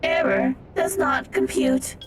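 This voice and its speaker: An actress voicing a stiff robotic sentry machine through a robot voice filter, speaking in clipped, flat announcements. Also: female voice, high-pitched, slow pace, recorded from a distance, over loud music. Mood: announcing.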